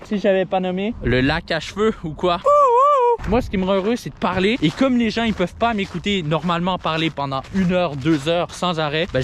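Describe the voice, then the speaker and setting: A young man vlogging on his own as he walks outdoors at night, rambling excitedly to an action camera with bursts of shouting. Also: high-pitched, a little hiss or hum. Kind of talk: casual solo vlog to camera. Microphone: action camera mic.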